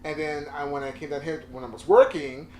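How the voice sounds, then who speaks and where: A man from Virginia, a photographer guest, giving relaxed, short answers in a casual interview in a room with a couch. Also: a little high, fairly quick, reverberant, slight background noise. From Virginia, USA.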